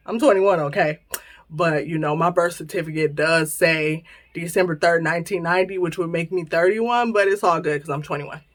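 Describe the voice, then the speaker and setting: A woman in her thirties hosting her own vlog, chatting casually and playfully with viewers. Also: medium pitch. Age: 30s. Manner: lively, chatty, playful storytelling. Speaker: channel host.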